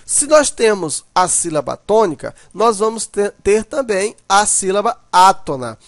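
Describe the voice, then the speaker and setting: A man's voice: sits high, sing-song, measured pace, dry recording, studio quality. A man teaching a grammar lesson, explaining step by step and often checking in with "né".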